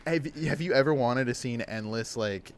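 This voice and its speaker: A man's voice: medium pitch, normal speed, clean tone. A young man with an ordinary mid-range voice talks casually as a podcast co-host. He laughs a lot, swears freely and mimics others when telling a story. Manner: laughs often, profane, mimics people in quotes. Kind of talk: casual chat.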